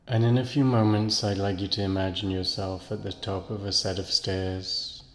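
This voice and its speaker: Man, hypnotist, very deep voice, monotone, long reverb, slow soothing induction. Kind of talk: guided hypnosis relaxation script.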